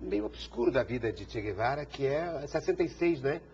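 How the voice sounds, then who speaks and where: A man of middle pitch hosts a TV interview show. He rambles, stumbling and repeating words as he talks. The broadcast sound is dull, with a faint hiss. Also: expressive, brisk, darkish tone. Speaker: TV talk show host. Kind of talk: TV interview conversation.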